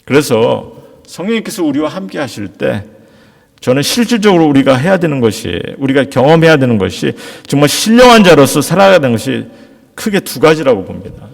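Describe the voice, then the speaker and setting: A middle-aged male pastor delivers a sermon in a lively, rising-and-falling voice with a gravelly edge. He talks earnestly and poses rhetorical questions to the congregation, and his voice trails off into a long reverb of a church hall. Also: on the high side, a little fast. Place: church sanctuary.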